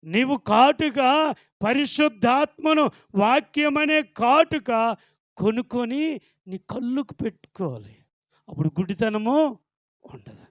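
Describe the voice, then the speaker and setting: Male pastor, high pitch, fiery sermon delivery, dull dry recording. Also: lively intonation, takes it slowly, pauses often, no room sound. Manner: fervent preaching, swinging from loud warnings to low murmurs.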